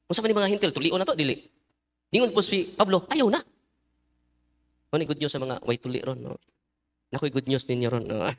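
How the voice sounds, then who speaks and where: High-pitched, lively joking priest. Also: male voice. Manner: jokey, teasing the congregation, mixing in English phrases. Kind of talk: humorous sermon with storytelling.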